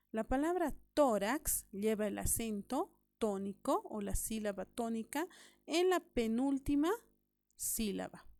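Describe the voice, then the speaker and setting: A primary school teacher records a grammar lesson for young pupils, walking through it step by step, repeating key points and checking they're following along. Her voice is mid-range and a little mellow, with no echo.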